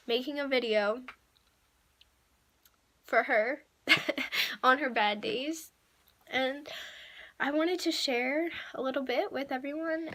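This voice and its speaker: High, bright-voiced young woman vlogger. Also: a little hiss or hum. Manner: emotional, breaks into laughs and sighs. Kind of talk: personal storytelling vlog.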